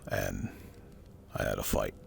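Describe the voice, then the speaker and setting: A man narrating a scripted first-person horror story as hushed ASMR, with a breathy, gravelly, spooky delivery. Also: very deep voice, little pitch movement, slight background noise. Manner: slow, hushed, deliberate and spooky. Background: music.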